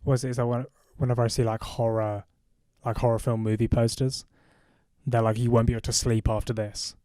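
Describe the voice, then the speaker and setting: A young adult man, a comedian co-hosting a podcast, riffing on absurd ideas in a deadpan casual way. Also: mid-range voice, fairly quick, no room sound.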